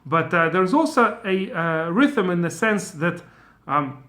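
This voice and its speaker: In an informal Torah lesson, this middle-aged, Russian-accented teacher thinks aloud, stumbling through fillers and restarts. He speaks slowly in a high, bright, forceful voice with lively intonation.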